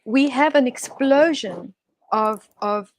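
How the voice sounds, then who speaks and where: Joining an online talk show by video call, a woman guest speaks slowly in a fairly high-pitched voice with slight background noise. She is thoughtful and expansive in this reflective conversation, frequently restarting as she talks.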